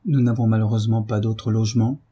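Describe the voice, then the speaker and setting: A man reading aloud, voicing a timid, anxious young wife who speaks softly and hesitantly. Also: fairly low pitch, level tone, fast talker, husky. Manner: hesitant, soft and polite.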